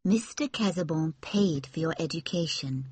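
A man voicing an earnest, gentle young woman, speaking softly and seriously in a raised voice. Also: on the high side, expressive, moderate pace, breathy edge, no echo, voice pushed up.

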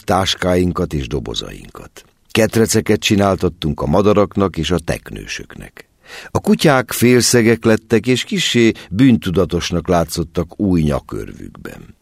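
A man with a deep voice reads a story aloud, his intonation rising and falling freely. The recording is close and dry, with no room sound. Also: gravelly, breathy edge, no room sound. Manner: expressive storytelling reading. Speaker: audiobook narrator. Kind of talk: scripted narration.

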